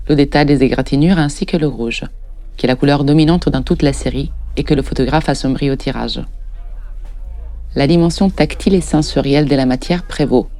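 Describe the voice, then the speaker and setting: A man giving scripted, measured narration about a photograph for an art documentary. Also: a little high, darkish tone. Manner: measured, descriptive art commentary.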